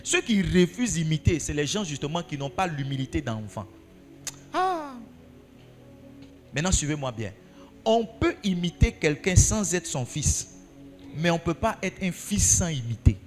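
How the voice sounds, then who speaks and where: A pastor with a fairly high voice preaches to his congregation. His pitch swings widely as he repeats his points and asks questions. Soft music plays underneath. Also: very animated, moderate pace, pauses often, big-room sound. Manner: repeats key phrases for emphasis. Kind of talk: sermon.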